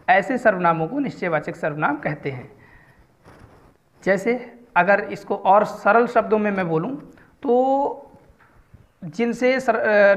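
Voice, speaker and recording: A woman's voice: mid-range voice, muffled recording. Woman teaching a Hindi grammar lesson. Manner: explains step by step, asks students questions.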